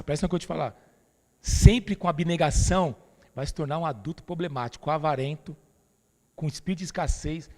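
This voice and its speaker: A Brazilian man delivers an emphatic, familiar sermon, his voice set high and roughened by a gravelly edge. Long reverb from a church hall trails behind every phrase. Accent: Brazilian Portuguese. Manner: emphatic, familiar, calls listeners "dear". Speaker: pastor.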